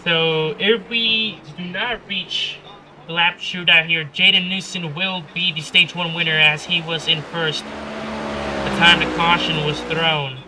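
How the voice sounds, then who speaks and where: A man works as a motorsport commentator over clearly audible engine noise. His voice sits high for a man. He calls the race live at a slow pace, stretching his phrases like an announcer. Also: fairly even intonation.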